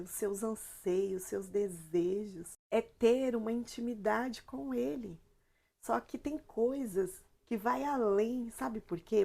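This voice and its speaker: A Brazilian woman giving an informal, earnest devotional talk, her voice hoarse and strained as if from swollen tonsils. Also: a little high, darkish tone. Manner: earnest, explanatory, addresses listeners directly. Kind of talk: informal devotional talk to camera with scripture reading.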